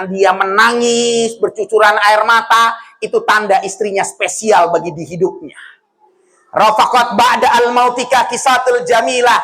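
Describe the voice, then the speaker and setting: High-pitched, loud, joking male preacher. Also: poor audio. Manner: loud, animated, joking, questions the audience. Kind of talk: lively sermon. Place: prayer room, indoors.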